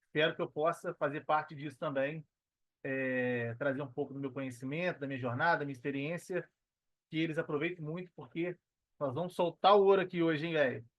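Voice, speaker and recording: A brisk, fairly high-pitched man in his thirties speaks casually as a podcast guest, with a Brazilian Portuguese accent from Minas Gerais. He's a personal trainer and affiliate marketer. The audio is dry with no echo, sounding dull and lo-fi.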